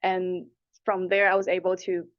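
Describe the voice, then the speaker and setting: Speaking at an ordinary pace with a lowish, even voice, this applicant is a twenty-something woman from Taipei and Hong Kong. She responds to interview questions sincerely, in a chatty manner, on dull, lo-fi audio.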